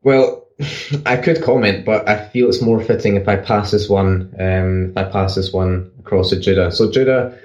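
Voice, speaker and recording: A man co-hosting a podcast, explaining football tactics in rapid bursts with frequent restarts. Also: lowish voice, darkish tone, lo-fi sound. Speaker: podcast co-host, football analyst. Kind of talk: casual analytical chat.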